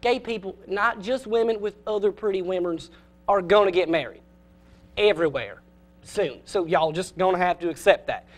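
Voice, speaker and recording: A young man voicing a loud, blustering middle-aged football coach with a Southern accent in a comedy sketch. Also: high voice, normal speed, natural voice. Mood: folksy. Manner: shouting pep-talk bluster.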